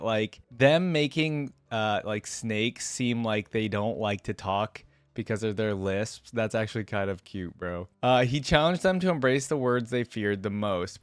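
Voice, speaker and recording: Hosting a game lore reaction video, a man reads a story aloud and comments on it casually, dropping informal, slangy asides. His voice sits at medium pitch with a clean tone, and there's no echo.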